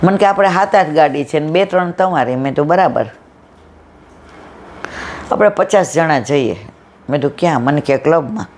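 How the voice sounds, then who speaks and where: A woman gives a devotional satsang talk, telling stories in a conversational way and acting out the dialogue. Her voice is low and darkish, animated, at a moderate pace with frequent pauses. There's a slight hiss or hum.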